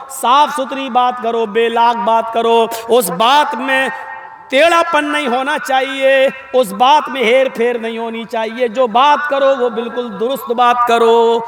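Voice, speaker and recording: A man delivering a sermon, telling stories dramatically and rising to shouts for emphasis. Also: extremely high pitch. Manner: dramatic storytelling, voices the people in his stories. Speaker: preacher. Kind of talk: Urdu sermon. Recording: echoey hall sound system.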